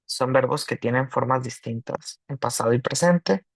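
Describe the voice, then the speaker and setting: A man's voice: medium pitch, gravelly, dry recording, rough recording. A man teaching an online grammar lesson, explaining patiently in two languages with small restarts. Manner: slow and patient, switching between Spanish and English, with restarts. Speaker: English teacher.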